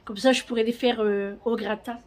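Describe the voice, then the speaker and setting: Talking a little fast in a steady, darkish, fairly high-pitched voice, this vlogger rambles casually for her viewers. Her home chat is packed with fillers and little restarts, and she sounds busy with kitchen chores while speaking.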